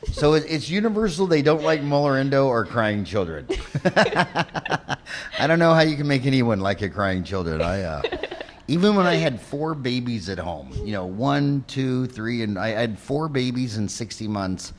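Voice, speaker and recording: A man in his fifties hosts a relaxed interview, talking at an everyday pitch. He jokes and fires off rapid questions. A faint hiss of noise sits under the recording. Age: 50s. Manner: chatty, joking, asks rapid questions. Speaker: podcast host. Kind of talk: casual interview.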